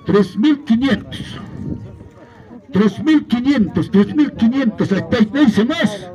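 A man's voice: very high voice, animated, measured pace, warm tone, highs cut off. A man working as a Spanish auctioneer at livestock sales, chanting rising bids in repetitive, rhythmic numbers. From Peru. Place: outdoor dirt livestock show ring. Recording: noisy outdoor fairground recording.

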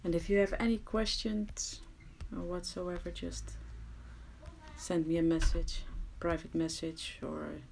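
A woman from the Netherlands, speaking with a Dutch accent, gives a hesitant, self-deprecating crafting tutorial captured as a screen recording at someone else's home. Her low-pitched voice is gravelly and dark-toned, often dropping to murmurs. The recording is low quality with slight background noise.

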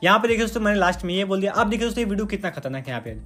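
A man's voice: sits high, expressive, very fast, a bit bright, faint music behind. A man talking through a phone editing app step by step in a chatty, repetitive way. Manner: chatty, repeats "dekhiye doston" and "bhai". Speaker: tutorial host. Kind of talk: screen-recorded app tutorial.

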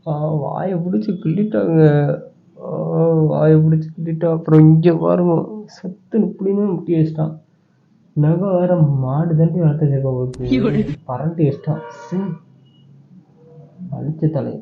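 A man's voice: fairly high pitch, normal speed, vocal fry, long pauses. A man in a casual home video who answers in short, complaining remarks. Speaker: husband being pranked. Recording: tinny, phone-like sound with faint noise.

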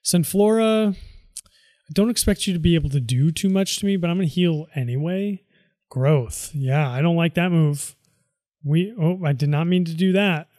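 A man's voice: fairly high pitch, normal speed, darkish tone, dry recording, clean studio sound. A tired man mumbling casual commentary to himself as he plays a video game. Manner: mutters reactions to himself. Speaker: let's play host.

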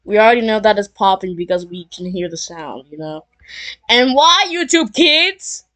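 A woman voicing an excitable plushie that reacts to a video with sarcastic, exasperated remarks. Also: medium pitch, normal speed, noisy background, lightly acted. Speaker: reaction commentator.

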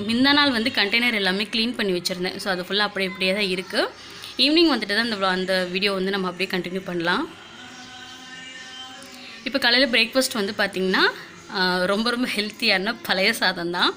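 Woman in her 30s, brisk and bright, chatty vlog voice-over with soft music underneath. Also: medium pitch. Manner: chatty, with frequent filler words. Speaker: vlogger. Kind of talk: casual vlog narration.

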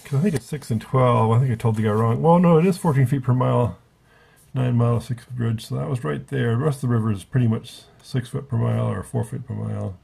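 A man's voice: medium pitch, quick pace, gravelly, a little mellow, breathy edge. A man giving a casual, rambling spoken review at a table, often correcting himself as he goes. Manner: rambling, self-correcting, offhand. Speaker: book reviewer.

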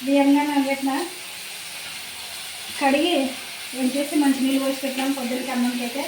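A woman's voice: high-pitched, flat delivery, quick pace, background noise. A woman chatting casually as she cooks in her home kitchen, explaining each step. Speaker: home cook, vlogger. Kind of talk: casual cooking chat. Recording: echoey room, frying sizzle behind.

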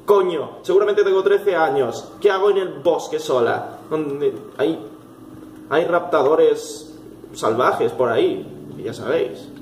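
A man's voice: a little high, slow. A young man with a Spain Spanish accent giving jokey let's play commentary on a horror game, swearing and easily startled. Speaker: gaming youtuber. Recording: echoey room with faint noise.

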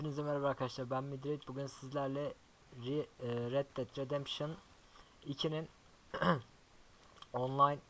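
Bright-voiced young man commenting on gameplay. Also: mid-range voice, fairly even intonation, slow pace, pauses often, soft background music, low-quality recording. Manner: swears often, chatty, coaxes his horse. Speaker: gaming YouTuber.

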